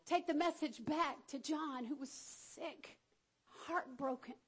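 High-voiced woman preaching. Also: slow pace. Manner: energetic, calls out to the congregation; folksy, acts out the Bible figures. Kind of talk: sermon.

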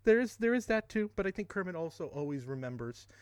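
A man's voice: high voice, big pitch swings, fast, clear, resonant tone, dry recording. A man co-hosting a podcast in casual chat, rambling and correcting himself as he goes, often laughing. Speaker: podcast co-host.

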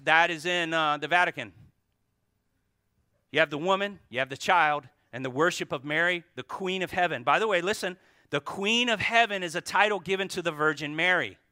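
A man's voice: sits high, bright, forceful tone, no echo. Guy preaching into a pulpit mic, dry close sound, punchy, keeps asking the church questions. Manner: emphatic, repeats key words and asks the congregation rhetorical questions. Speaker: pastor. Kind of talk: sermon.

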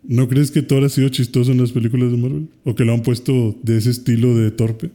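A man's voice: medium pitch, steady tone, fairly quick, warm tone. A man with a Mexican accent chatting casually and animatedly retelling a movie, acting out the characters' lines. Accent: Mexican Spanish. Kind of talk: casual chat retelling a film.

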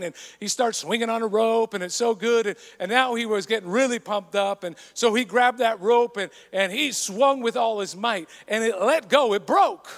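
A man's voice: sits high, fairly bright tone. A man preaching a sermon in an earnest, conversational storytelling way. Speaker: pastor. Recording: long reverb of a large hall.

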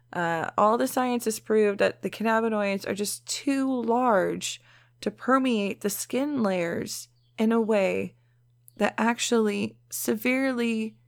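A woman's voice: mid-range voice, gravelly, dry recording, clean studio sound. A woman hosting a solo podcast in a casual, frank, stoned-sounding drift, swearing freely as she talks. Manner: stoned, unhurried, drifting delivery. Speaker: podcast host.

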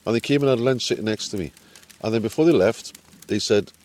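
A man's voice: lowish voice, fast, darkish tone. A man from Wales with a Welsh accent, casually telling anecdotes outdoors. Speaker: visiting angler.

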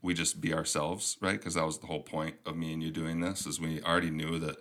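Deep-voiced Minnesotan man hosting a podcast. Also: little pitch movement, fairly quick, fairly bright tone. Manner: rambling, self-deprecating, chuckling. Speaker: podcast host. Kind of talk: casual podcast chat.

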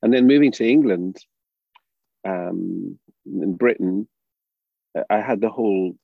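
Older Northern Irish man, gravelly voice. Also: sits low, dry recording, narrow, tinny audio. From Northern Ireland. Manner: thoughtful, halting, many restarts and fillers. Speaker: drama educator guest. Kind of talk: reflective interview talk.

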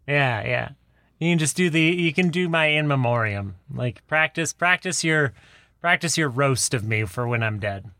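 A man's voice: mid-range voice, moderate pace, no room sound. A man co-hosting a podcast in casual, playful banter, talking close to the mic. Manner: playful, laughs often, animated banter. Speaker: podcast co-host. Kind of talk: casual chat.

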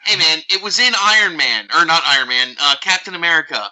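A man in his thirties in casual chat, chiming in with quick interjections and questions. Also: a little high, lively intonation, bright, forceful tone, low-quality recording. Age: 30s.

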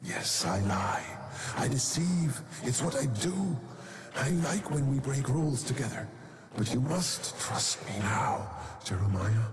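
A man voicing a sly, inhuman shadow creature that coaxes in a hushed, half-whispered way. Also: medium pitch, animated, slow, pitched above the performer's own voice. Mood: coaxing menace. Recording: long hall reverb with clear noise.

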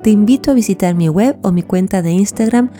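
A woman hosting a podcast and leading a guided mindfulness meditation in a soothing, gentle, unhurried way. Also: mid-range voice. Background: soft new-age music.

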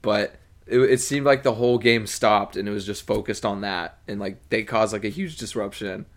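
A man's voice: fairly low pitch, moderate pace. A young man in casual, profane sports chat on a podcast, laughing often and mimicking people. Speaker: podcast co-host.

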